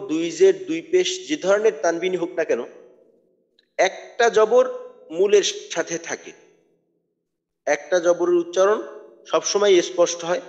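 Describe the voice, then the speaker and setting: A man teaching Quran recitation rules, spelling out letters and vowel marks slowly and deliberately. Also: sits high, darkish tone. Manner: slow, deliberate, drawn-out spelling of sounds. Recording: dull lo-fi sound with long reverb.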